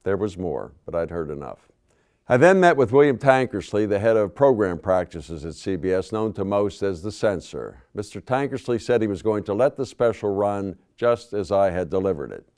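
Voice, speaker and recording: An older man recounting a personal story at a public forum, in a measured, dry manner. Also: on the low side, expressive, a little mellow.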